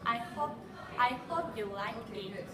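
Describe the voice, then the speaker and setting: A woman's voice: on the high side, lively intonation, a little slow, a loud crowd. A woman in her twenties introducing herself cheerfully as a contestant. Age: 20s. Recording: echoey room, far mic, loud room noise.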